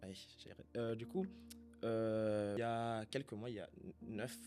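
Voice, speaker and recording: Reflective man from Congo, halting. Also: lowish voice, level tone, darkish tone, faint music behind. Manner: reflective, halting, self-searching. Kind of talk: casual faith conversation.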